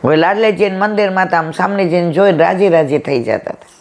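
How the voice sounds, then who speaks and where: At a satsang, a woman with a lowish voice tells a devotional story at a fast clip. She retells it with energy, acting out the dialogue as she goes.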